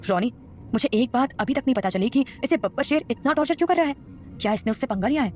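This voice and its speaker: A woman's voice: high voice, quick pace, faint music behind. A woman voicing a brash, hot-headed young man, a loyal friend, in an audio drama. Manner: brash, excitable.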